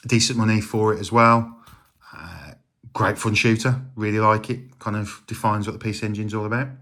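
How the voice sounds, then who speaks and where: Middle-aged man, slightly low register, casual rambling vlog delivery, plenty of filler words. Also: normal speed. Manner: relaxed, rambling, many ums and uhs. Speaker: retro game collector.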